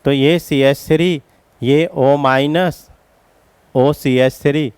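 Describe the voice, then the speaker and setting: A man's voice: medium pitch, steady tone, slow, darkish tone, clean tone, dry recording. A man teaching chemistry as a classroom lecture, explaining each step and calling his students children.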